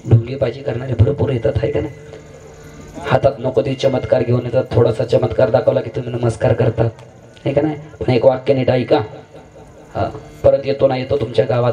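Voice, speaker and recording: A man's voice: mid-range voice, warm tone. A man preaching a kirtan, telling a story in a swooping sing-song voice and repeating lines back to the crowd. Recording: distant mic with faint music.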